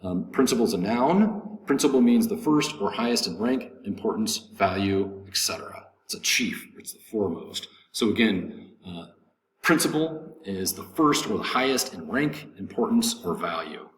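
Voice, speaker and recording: A man teaching English vocabulary, slowly repeating words and stressing syllables, with frequent ums. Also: fairly low pitch, expressive. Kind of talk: vocabulary lesson recording. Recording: echoey room with faint noise.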